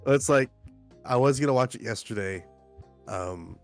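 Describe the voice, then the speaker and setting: A congested young man co-hosting a casual podcast chat, rambling and halting. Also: mid-range voice, soft background music. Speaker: podcast co-host.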